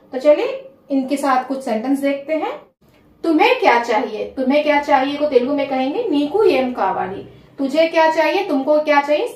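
Woman teacher, high lively voice, slow and repeats everything, echoey room a bit far from the mic. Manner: slow, repeats each phrase for dictation. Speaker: language teacher. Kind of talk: spoken language lesson.

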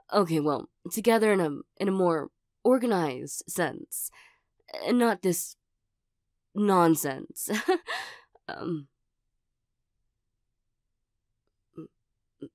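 A flustered cat girl, acted by a woman in a soft-spoken ASMR role-play. Her voice sits fairly low and she goes slowly, shy and hesitant, tripping over her words. The recording is dry and close. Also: dry recording. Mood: fussing. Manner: hesitant, stammering, giggly. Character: flustered, shy, nervous female cat creature with claws.

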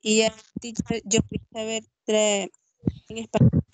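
Hesitant Salvadoran student with a raised voice. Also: female voice, fairly high pitch, flat delivery, unhurried, a little mellow. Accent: Salvadoran Spanish. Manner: hesitant, brief answers and questions. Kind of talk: class questions. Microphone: video call.

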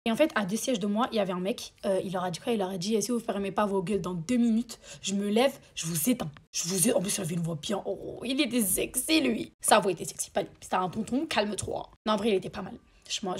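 A woman rattling through a storytime for her viewers, with a fairly high, slightly husky voice. She talks fast, swears freely and breaks off into exasperated rants, keeping the delivery animated and crude. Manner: exasperated ranting asides. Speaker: storytime vlogger. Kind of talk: storytime chat to camera.

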